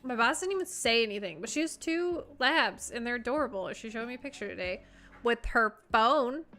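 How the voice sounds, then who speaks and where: Young female streamer, fairly high and bright, casual and giggly, doting on her pup at the mic. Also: animated, fairly quick, soft background music. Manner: laughs often, coos praise at her dog. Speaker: live streamer. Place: at home. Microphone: desk streaming mic.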